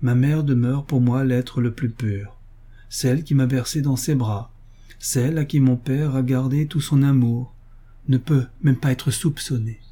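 A man's voice: medium pitch, steady tone, measured pace, warm tone, lightly acted. A man reading aloud a letter from a determined young wife, in an earnest, firm tone. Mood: resolute.

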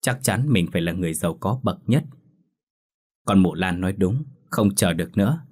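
Man reading a ghost story, low husky voice, steady dramatic narration. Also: normal speed. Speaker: audiobook narrator.

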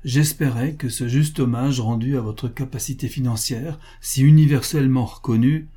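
A man reading as a pleading, flattering prince. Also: medium pitch, moderate pace, breathy edge, lightly acted. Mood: insinuating. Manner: urgent and ingratiating. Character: anxious, pleading male prince, insinuating.

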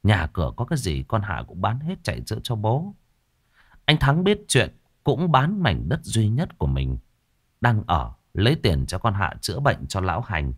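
A man's voice: lowish voice, huge pitch swings, normal speed, breathy edge. A man narrating a scripted story in a dramatic storytelling manner.

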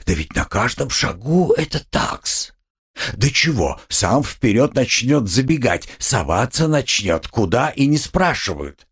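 A man's voice: mid-range voice, big pitch swings, unhurried, slightly rough, exaggerated voice. A man reading an audiobook, voicing a sly, fawning middle-aged police investigator who peppers his talk with old-fashioned polite endings. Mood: sly insinuating.

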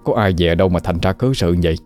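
A man's voice: sits low, quick pace, a little mellow, smooth, soft background music, natural voice. A man voicing a young village man explaining himself sheepishly.

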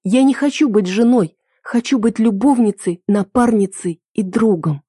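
A woman voicing an emotional young heroine in an audiobook, her lines pitched high and urgent. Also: moderate pace, warm tone, husky, no echo, studio quality. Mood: tender.

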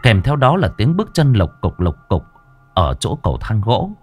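A man's voice: lowish voice, wildly swooping pitch, moderate pace, faint music behind. A man reading a ghost story aloud with dramatic, suspenseful delivery. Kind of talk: scripted ghost story narration.

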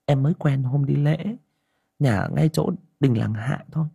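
A man voicing a worried younger village woman who talks in a hushed, confiding way. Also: medium pitch, creaky, breathy edge, no echo, studio quality, voice pushed up, full character voice. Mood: soothing. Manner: hushed, rushing whisper, anxious.

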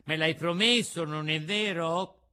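Pinocchio, a man doing a high excitable puppet boy. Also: a little slow. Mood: overjoyed. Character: mischievous wooden boy puppet, eager and impulsive.

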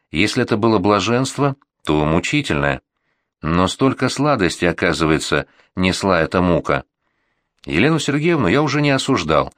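Deep-voiced man narrating an audiobook. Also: no echo, studio quality. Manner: measured, reflective storytelling. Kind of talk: first-person audiobook narration.

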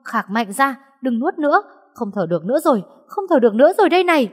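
A woman's voice: sits low, expressive, moderate pace, dark tone, slightly rough. A woman reading a story, voicing a bitter, proud mother who talks sharply and with scorn. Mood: panicked.

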